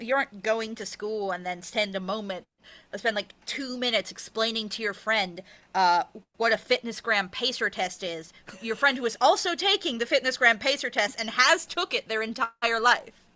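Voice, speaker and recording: A woman's voice: fairly high pitch, sharp tone. A woman novelist in a casual conversational interview, explaining her ideas with enthusiasm and candor. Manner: enthusiastic, candid, quick explanations.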